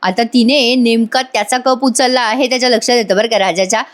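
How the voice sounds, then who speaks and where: A woman's voice: on the high side, fairly even intonation, fairly quick. Chatty woman narrating a recap. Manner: chatty, addresses viewers. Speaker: serial reviewer. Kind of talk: voice-over episode recap.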